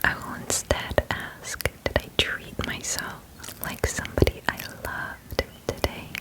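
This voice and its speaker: Nurturing garden fairy female performer for whispered role-play: tender, affirming, very slow, fully whispered. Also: lightly acted, low-quality recording. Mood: soothing, tender. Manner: soothing, affirming, slow and deliberate. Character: gentle nurturing fairy tending an inner-child garden. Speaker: ASMR performer.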